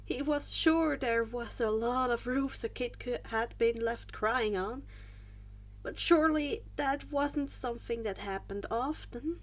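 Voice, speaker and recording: Reading a story aloud, a woman with a fairly high voice keeps a measured pace. She comes across as an amateur fan fiction audiobook narrator following a script, occasionally stumbling and restarting a phrase.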